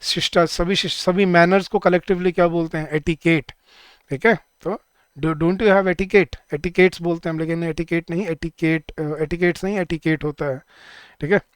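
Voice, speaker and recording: Crisp-voiced male exam tutor, clear and drilling. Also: a little high, fairly even intonation, no room sound. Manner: repeats words slowly and drills rules, asks the chat questions. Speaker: English teacher for bank exam students. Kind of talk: live online class.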